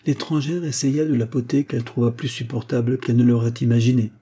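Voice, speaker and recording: A man narrating a classic novel as an audiobook in a measured, steady storytelling manner. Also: medium pitch, husky.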